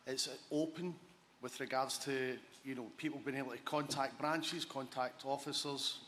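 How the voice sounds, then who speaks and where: Measured Scottish man giving a speech. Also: mid-range voice, steady tone, fairly bright tone. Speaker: union regional official, delegate. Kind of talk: formal conference speech. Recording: faint background ambience noise.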